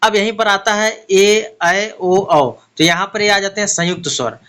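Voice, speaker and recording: A man teaching an exam-prep grammar lesson, explaining step by step and asking and answering his own questions, slowly spelling out letters one at a time. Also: high-pitched, a bit bright, smooth. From India.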